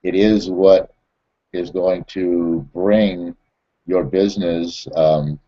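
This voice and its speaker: Man, deep voice, motivational trainer, repetitive and halting, muffled lo-fi recording. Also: steady tone, warm tone. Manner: repetitive, halting, many fillers and restarts. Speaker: network marketing trainer. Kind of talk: storytelling and motivational training recap.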